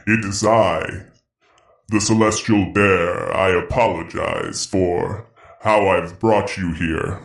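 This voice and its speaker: An unearthly, echoing celestial bear spirit acted out by a man for a tabletop game. The voice is lowish and slow, stately and formal, with a solemn, apologetic courtesy. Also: fairly even intonation, creaky, exaggerated voice. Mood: solemn, benevolent. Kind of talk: tabletop role-play. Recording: echoing, reverberant voice.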